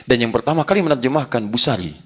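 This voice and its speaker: A man giving a lively religious lecture, swinging from hushed earnest passages to loud playful asides. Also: medium pitch, quick pace, slightly rough. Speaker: Islamic preacher.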